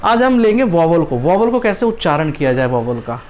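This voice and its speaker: A man's voice: on the high side, sing-song, moderate pace, darkish tone, a little hiss or hum. Man teaching English reading, spelling words out. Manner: explains patiently and checks understanding often. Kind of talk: spoken English reading lesson.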